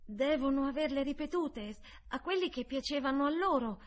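A woman voicing a frightened, feverish young boy in an audiobook, breathy and crying out in fear. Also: sits high, lively intonation, normal speed, voice pushed up. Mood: quiet, simple.

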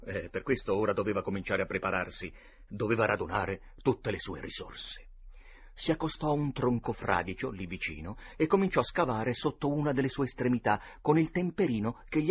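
A man reading a children's classic aloud with expressive narration. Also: lowish voice, a little fast, slightly rough. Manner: animated, dramatic. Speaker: audiobook narrator.

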